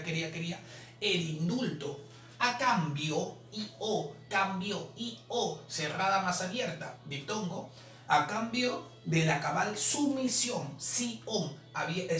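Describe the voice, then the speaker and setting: This exam solution lesson features a man with a high, fairly bright voice walking through language exam answers. He stretches out syllables and repeats them as he explains. The mic is distant, leaving the audio roomy with faint noise.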